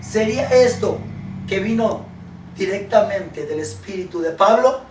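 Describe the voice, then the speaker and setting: High-voiced preacher in an echoey room. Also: male voice, animated, a little mellow, recorded from a distance, slight background noise. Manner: reads scripture slowly, then explains with questions to the congregation. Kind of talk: sermon with Bible reading.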